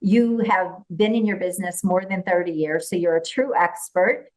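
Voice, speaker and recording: A woman hosting an interview podcast, enthusiastic and full of quick affirmations. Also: fairly low pitch, darkish tone, low-quality recording. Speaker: podcast host. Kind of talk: casual interview.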